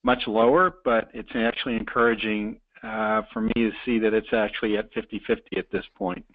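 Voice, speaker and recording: A man's voice: on the low side, fairly even intonation, fairly quick, no room sound. A man giving unscripted remarks as a webinar panelist. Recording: narrow phone-like line.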